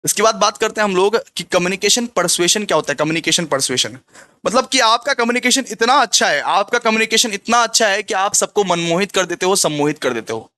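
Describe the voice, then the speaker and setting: Male tutor, high and bright, repetitive question-and-answer revision style. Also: animated, quick pace, no echo. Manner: repetitive, asks the class rhetorical questions and answers them himself. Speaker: commerce tutor. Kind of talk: exam revision lecture.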